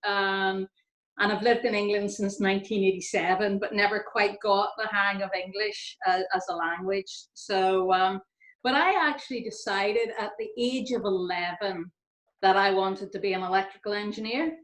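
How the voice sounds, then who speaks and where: A woman's voice: medium pitch, fairly even intonation, normal speed, a bit bright, roomy sound, low-quality recording. A woman in her fifties from Northern Ireland with a Northern Irish accent, speaking on a video call and giving an informal, chatty, self-deprecating talk to students as an engineer on a panel. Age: 50s.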